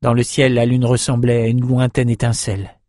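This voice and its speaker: A man's voice: medium pitch, monotone, normal speed, dark tone, no room sound, clean studio sound, natural voice. A man reading the part of a young male islander who tells, half mocking himself, how he was lost at sea. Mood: earnest. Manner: earnest, self-mocking storytelling. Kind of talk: audiobook character reading.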